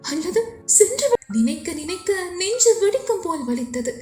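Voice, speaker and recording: A woman's voice: very high-pitched, sing-song, moderate pace, warm tone. Young woman, Sri Lankan Tamil accent, dramatic novel narration, echoey room. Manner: emotive, dramatic. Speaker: storyteller. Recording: echoey room with faint music.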